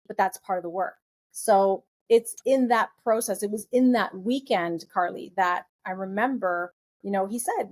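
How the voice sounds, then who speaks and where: A woman guest on a podcast interview, earnestly telling a personal story and piling up phrases in emphatic lists. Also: mid-range voice. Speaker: guest nutritionist.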